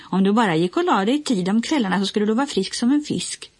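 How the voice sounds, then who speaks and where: A woman's voice: medium pitch, lively intonation, darkish tone, husky, pitched above the performer's own voice. A woman voicing a cocky, bossy young boy who teases his friends. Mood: teasing bossy. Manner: brash, teasing.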